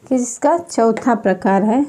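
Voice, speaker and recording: A woman teaches an exam-prep grammar class, dictating slowly and repeating every term several times. Her voice is high yet soft and mellow, and she lingers over each phrase.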